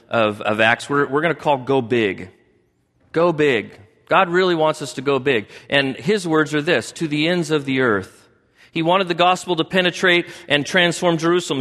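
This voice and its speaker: A man's voice: mid-range voice, pushed and bright. A man preaching a sermon as pastor, talking in a conversational way and often asking the congregation questions. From United States. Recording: long hall reverb.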